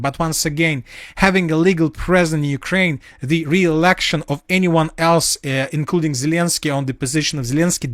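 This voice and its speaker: A man with a manner giving a solo spoken analysis of war news, halting often with fillers and restarts. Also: on the high side, no room sound, clean studio sound. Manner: halting, many fillers and restarts, non-native phrasing.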